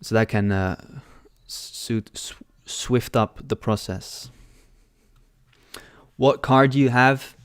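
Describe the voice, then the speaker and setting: Hosting a trading livestream from a small indoor room, a young man born in London reads out questions from chat and answers them in a casual, offhand way over a headset mic. He speaks slowly in a smooth, mid-range voice, and the recording is dry and studio quality.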